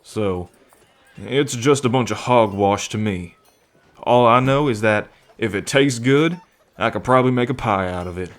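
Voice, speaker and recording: In an ASMR roleplay, a man acts as a friendly, earnest half-bull man, speaking directly to the listener in a chatty, folksy way with a warm mood. His fairly low voice is natural and unhurried.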